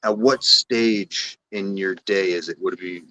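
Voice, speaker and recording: A man's voice: low-pitched, steady tone, measured pace, bright, forceful tone, lo-fi sound. A man with a Canadian accent, a guest on a casual live stream, talking in rambling, self-correcting runs and swearing casually. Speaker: guest cannabis breeder.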